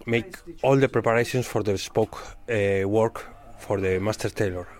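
A man's voice: on the low side, steady tone, normal speed. A middle-aged or older man with a Spanish accent, explaining his craft in careful non-native English. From Spain. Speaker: bespoke tailoring undercutter. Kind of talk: explanatory interview answers.

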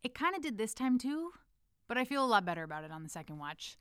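A woman's voice: a little high, big pitch swings, fast talker, a bit bright, smooth, dry recording, studio quality. A woman from the United States reading her personal letter aloud, intimate and playful, calling the listener her love. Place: lives in Amsterdam.

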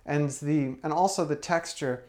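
A man's voice: fairly high pitch, measured pace, darkish tone. A young man co-hosting a podcast, telling stories in an easygoing way. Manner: easygoing, storytelling. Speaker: podcast co-host. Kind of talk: casual chat.

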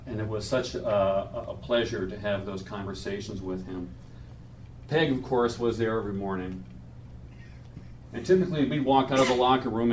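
Male speaker for a memorial reading, measured delivery, distant mic in a reverberant room. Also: medium pitch, a little mellow. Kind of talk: informal reminiscence and poetry reading to an audience. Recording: echoey room, distant mic, faint noise.

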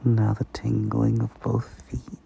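A man softly guiding a sleep meditation, speaking slowly and slipping into whispers. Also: fairly low pitch, monotone, vocal fry, slight background noise, low-quality recording. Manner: slow, soft-spoken, partly whispered. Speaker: meditation guide.

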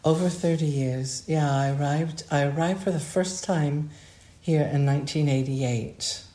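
A woman's voice: low-pitched, measured pace, mellow. Older woman, roomy and reflective. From United States. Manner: reflective, rambling with restarts. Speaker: podcast co-host. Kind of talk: relaxed conversation. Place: home by a fireplace. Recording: roomy echo.

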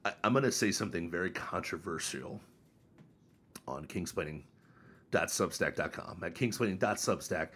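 A man in his thirties co-hosting a podcast, talking in a casual, mocking, animated way. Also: normal speed, slightly rough. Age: 30s. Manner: animated, mocking, mimics others in high voices. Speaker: podcast co-host. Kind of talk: casual opinion chat.

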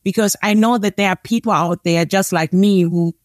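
A woman's voice: medium pitch, fairly even intonation, moderate pace, darkish tone, no echo, studio quality. A woman from Angola who grew up in Germany, talking reflectively and openly about herself as a podcast guest. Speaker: podcast guest, business owner. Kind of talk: conversational interview.

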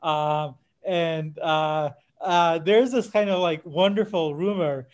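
Speaking slowly in a voice on the higher side, a man on a film podcast, either a guest or co-host, tells anecdotes in a loose, halting way. His delivery is fragmented, and he frequently searches for words.

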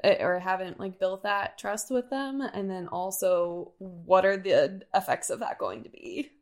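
A woman hosting a podcast conversation, asking measured, thoughtful questions. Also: mid-range voice. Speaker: podcast host. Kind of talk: casual conversation.

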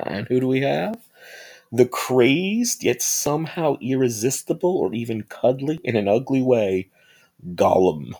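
Gravelly-voiced man hosting a podcast. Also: medium pitch. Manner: chatty and self-mocking. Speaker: podcast host. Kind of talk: casual chat.

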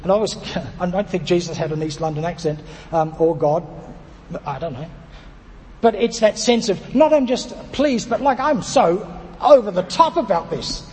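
High-voiced man preaching in a reverberant hall. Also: normal speed, darkish tone. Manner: conversational, repetitive phrasing with restarts. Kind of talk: sermon. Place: church.

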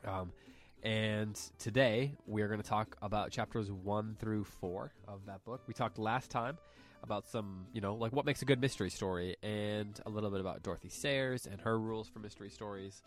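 Stuffy-nosed, deep-voiced man hosting a podcast. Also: moderate pace, faint music behind. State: has a cold, extra nasal stuffy nose, sniffling. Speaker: podcast host. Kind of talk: casual podcast chat.

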